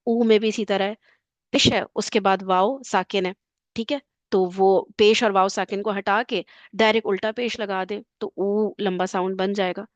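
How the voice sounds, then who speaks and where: A woman's voice: medium pitch, steady tone, dry recording. A woman teacher patiently recapping a grammar class, often checking that students follow. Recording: dull lo-fi voice.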